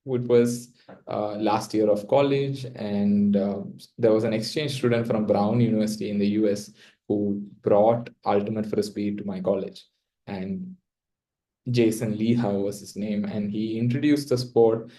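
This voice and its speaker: A young man with a South Indian accent speaks in a fairly low, relaxed voice. His pitch stays within a narrow, even range as he talks casually and reflectively about himself, often pausing mid-sentence. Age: young adult. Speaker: interview guest. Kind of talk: reflective personal storytelling in casual talk.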